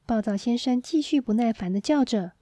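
A woman storyteller reading a children's story aloud in a gentle, expressive way, on a close mic. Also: fairly high pitch, moderate pace, no room sound.

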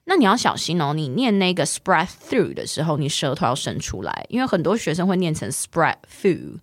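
A woman's voice: low voice, sing-song, fast talker, no room sound, clean studio sound. A woman teaching English vocabulary, patiently drilling words and having the learner repeat them. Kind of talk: bilingual language lesson.

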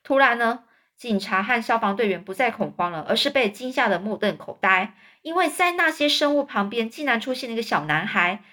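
A woman's voice: fairly high pitch, lively intonation, brisk, pushed and bright. A woman reading a children's book aloud and stopping to explain hard words. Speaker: storyteller for children.

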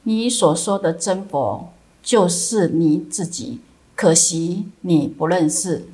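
Calm elderly male Chan master, solemn and measured, low, unhurried lines, read by a woman. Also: rough recording.

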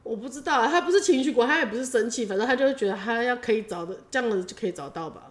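Woman, 30s, mother, lively storytelling, quick talker. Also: fairly high pitch. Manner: animated storytelling, acts out children's voices. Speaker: mother of two. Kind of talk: casual chat.

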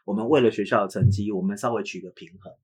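Husky fast-talking man. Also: fairly low pitch, steady tone, a little mellow. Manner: chatty, laughs often, addresses parents directly. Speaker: podcast host and English teacher. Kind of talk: casual chat.

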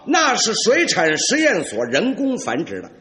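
A man's voice: sits high, wildly swooping pitch, unhurried, sharp tone. A man as the supporting crosstalk performer, feeding short prompting replies. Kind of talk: crosstalk feed lines. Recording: live stage, roomy with audience.

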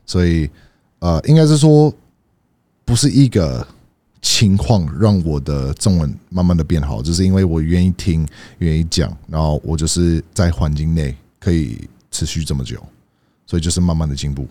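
A man's voice: very deep voice, normal speed, mellow, dry recording. A young man from the United States, a native English speaker, chats casually in fluent American-accented Mandarin as a foreigner and slips into English. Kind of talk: casual bilingual chat.

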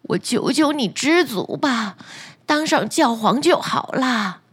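A woman's voice: on the high side, lively intonation, takes it slowly, slightly rough, no room sound, exaggerated voice. A woman voicing a timid, meek fisherman who pleads fearfully with his wife in a bedtime story. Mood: begging.

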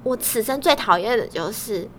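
A woman's voice: on the high side, expressive, moderate pace. A woman chatting casually about office life, animatedly acting out her coworkers' lines.

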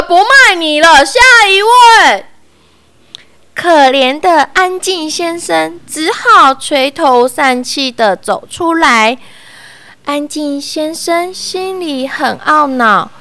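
A woman reads a children's story aloud in an expressive, sing-song manner. Her voice is high, bright and clear, and she takes an unhurried pace. The sound is dry and close. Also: no room sound.

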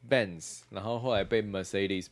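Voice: low voice, a little slow. A podcast co-host chatting casually, matter-of-fact, mostly giving short replies and correcting the other speaker. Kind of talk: casual chat.

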